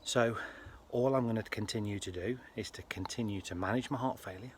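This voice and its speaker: A British man with a fairly low voice talks to his viewers in a casual personal vlog. His delivery is earnest and halting. There is faint ambient noise behind him. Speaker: health vlogger.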